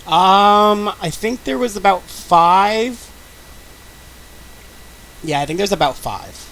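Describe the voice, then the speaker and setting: A man's voice: high-pitched, slow, a bit bright, rough recording. A man as dungeon master in casual tabletop game talk, explaining loosely with fillers and restarts.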